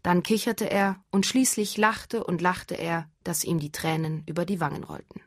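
A woman reading a fairy tale aloud in a calm, even storytelling manner. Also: on the low side, moderate pace, no echo, studio quality.

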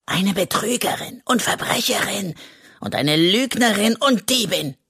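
A reader voicing an excitable, boastful little male raccoon in a children's audiobook, with a hissing, conspiratorial manner. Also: mid-range voice, normal speed. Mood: excited. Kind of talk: children's audiobook role reading.

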